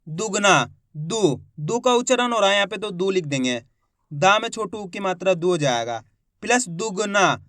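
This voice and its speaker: A man's voice: high-pitched, animated, normal speed, a bit bright, no room sound, clean studio sound. A man teaching beginners to read Hindi. He sounds out each word syllable by syllable, repeats it, and quizzes the learner in an encouraging way. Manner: encouraging, asks the learner questions. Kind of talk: spoken reading lesson for beginners.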